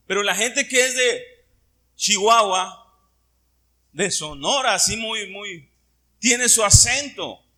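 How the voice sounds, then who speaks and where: A middle-aged pastor from Puerto Vallarta, speaking with that city's Mexican Spanish accent, delivers a Sunday sermon and asks his congregation questions. His voice is very high-pitched with a sharp edge.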